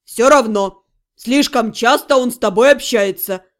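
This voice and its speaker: A woman voicing a furious, capricious male high demon who bellows and shouts at people. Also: unhurried, natural voice. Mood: roaring.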